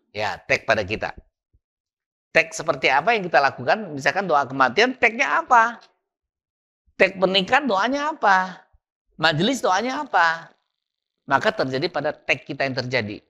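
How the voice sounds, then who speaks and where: A man's voice: on the high side, bright, forceful tone. A man preaching at a mosque study session, quizzing his listeners and spelling words out letter by letter.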